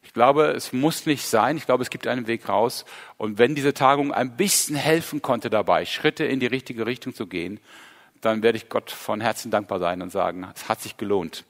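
A man's voice: mid-range voice, normal speed, in a large hall. A man preaching a sermon, retelling a Bible scene with earnest emphasis. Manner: earnest, storytelling with rising emphasis.

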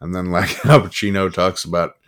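A man hosting a podcast, rambling and swearing, with erratic jumps in pitch and pace. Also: steady tone, fairly quick, a bit bright, smooth. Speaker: podcast host. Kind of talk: rambling casual chat.

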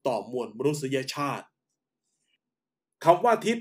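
A man hosting and narrating in a calm, unhurried radio style, using polite particles as he tells a story. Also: on the high side. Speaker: host.

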